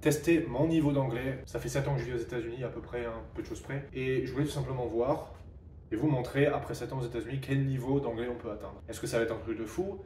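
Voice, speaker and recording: A fast, excitable man chatting casually to camera. He swears freely and thinks out loud. His voice sits in a roomy, echoey space with faint noise behind it. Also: mid-range voice. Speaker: vlogger. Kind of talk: casual vlog chat. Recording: roomy echo.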